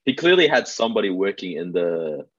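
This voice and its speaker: Laid-back low-pitched man, slightly muffled. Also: sing-song, a little fast. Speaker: podcast co-host. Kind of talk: casual conversational storytelling.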